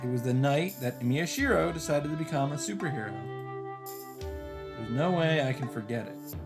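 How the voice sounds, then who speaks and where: A slightly high-pitched man with lively intonation and a moderate pace reads a game's story narration expressively during a let's play. He drops in occasional casual comments, and music plays beneath his voice.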